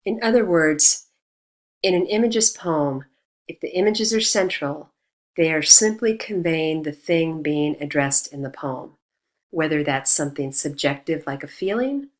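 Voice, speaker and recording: A woman teaching a recorded lesson on poetry, explaining in a measured way and reading quotations aloud. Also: low voice.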